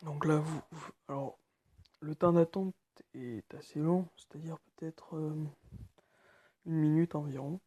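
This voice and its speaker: A nervous man walking through a phone tutorial, speaking quietly and haltingly with many fillers. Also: a little high, steady tone, dry recording. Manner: speaking quietly late at night. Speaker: tutorial maker. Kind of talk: screen-recorded phone tutorial.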